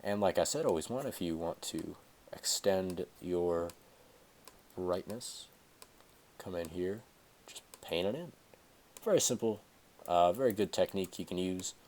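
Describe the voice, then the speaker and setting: A teenage boy with a stuffy cold talks casually through a screen-recorded tutorial on a headset from a small room at home. His voice is low, a little slow and somewhat mellow, with frequent pauses, fillers and self-corrections, and there's slight background noise.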